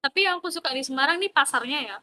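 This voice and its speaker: A young East Javanese woman, a vlogger at university, races through an animated casual chat about student life in her regional Indonesian accent. Her voice is high-pitched, pushed and bright.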